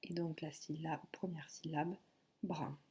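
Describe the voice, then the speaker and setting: Slow-spoken woman teaching phonics. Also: sits low, steady tone, mellow. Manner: slow, clearly articulated dictation. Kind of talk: phonics lesson for a child.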